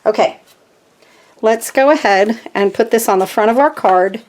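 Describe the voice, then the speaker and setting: Chatty, excitable woman crafting at home. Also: fairly high pitch, normal speed. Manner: chatty and easily excited, talks to viewers while working. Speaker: craft tutorial host. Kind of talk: casual step-by-step craft demonstration.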